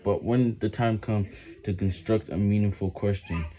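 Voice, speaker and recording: A man reading a book aloud while doing push-ups, sounding effortful and halting, stumbling over words and repeating them. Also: lowish voice, steady tone, warm tone. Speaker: amateur vlogger reading aloud.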